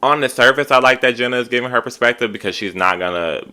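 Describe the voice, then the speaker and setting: A man's voice: medium pitch, quick pace, bright, forceful tone, clean tone. A man giving casual, opinionated commentary as a reality TV reviewer, talking in an emphatic, slangy, conversational way.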